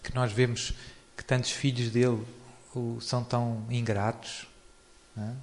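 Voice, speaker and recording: A religious speaker with a European Portuguese accent gives an informal spiritual talk in a mid-range, level voice at normal speed. He speaks conversationally, often adds tag questions, and chuckles a lot while explaining; there's a little hiss or hum.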